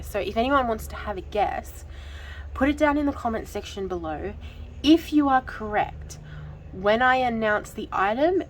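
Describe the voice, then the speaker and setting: A woman's voice: medium pitch, slight background noise, poor audio. A woman, hosting a casual budgeting vlog in a chatty, giggly way with frequent ums. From Australia. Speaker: budgeting channel host.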